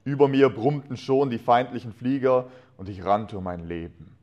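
A man's voice: mid-range voice, moderate pace, dull audio. Earnest man preaching a sermon. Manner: earnest, reads expressively, trails off softly at phrase ends. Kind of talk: sermon with a read-aloud story.

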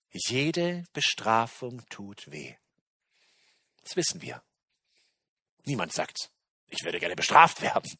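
A man preaching a sermon, earnest and personal, calling his listeners dear ones and moving between quiet, low stretches and loud, rising emphasis. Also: husky, no room sound, studio quality. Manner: earnest, addresses listeners warmly as "Ihr Lieben".

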